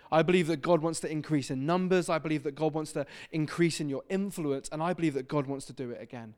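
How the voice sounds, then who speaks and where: In a church hall, a man in his thirties from Devon in England preaches as a visiting speaker, chatty and self-deprecating. His voice sits fairly high and has a clean tone.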